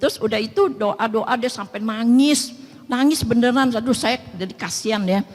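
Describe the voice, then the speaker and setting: Woman, high-pitched, chatty testimony, acts out dialogue, long church-hall reverb. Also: moderate pace. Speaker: testimony speaker at a prayer meeting. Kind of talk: personal testimony storytelling.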